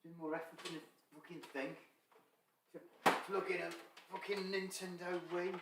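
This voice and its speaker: A man's voice: sits high, steady tone, moderate pace, heavy background noise. A man streaming a game from his bedroom, chatting casually, swearing a lot and grumbling at the game. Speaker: gaming streamer. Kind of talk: casual gameplay commentary. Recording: game music playing underneath. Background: game music.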